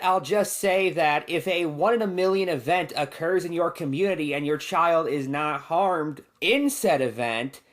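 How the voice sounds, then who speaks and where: A man giving a sarcastic, analytical commentary on a video. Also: high voice.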